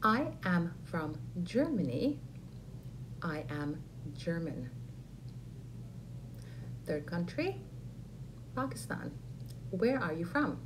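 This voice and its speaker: A woman teaching an English lesson, saying model phrases slowly and clearly for learners to repeat. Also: on the low side, big pitch swings, noisy background. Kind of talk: ESL lesson with repeat-after-me drills.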